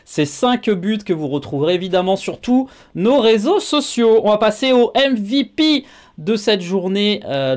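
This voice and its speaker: A man's voice: sits high, a little mellow. A man hosting a sports show, chatting casually with many filler sounds and asking his guest questions. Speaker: show host.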